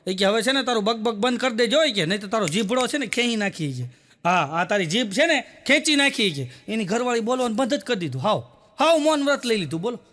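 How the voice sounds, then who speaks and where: A man's voice: high-pitched, expressive, fast, fairly bright tone. A man telling stand-up jokes, acting out quoted dialogue and repeating little filler words as he goes. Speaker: stand-up comedian. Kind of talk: Gujarati joke telling.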